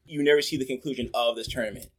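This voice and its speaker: A man with a voice of ordinary pitch hosts a casual chat. He talks in a loose, rambling way and leans on filler words as he goes. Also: fairly even intonation, very fast. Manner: chatty, rambling, many "like" fillers.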